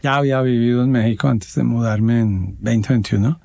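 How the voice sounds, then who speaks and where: Measured Colombian man, mellow voice. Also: medium pitch, vocal fry, no echo, studio quality. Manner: measured, formal, explanatory, with pauses. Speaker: guest, association president. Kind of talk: interview answers.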